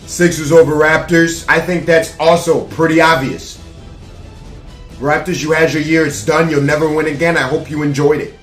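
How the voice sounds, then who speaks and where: A man's voice: on the high side, fairly even intonation, moderate pace, a bit bright, reverberant, soft background music. A man casually giving sports playoff predictions to camera, brash and rambling, with plenty of trash talk and fillers. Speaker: sports vlogger.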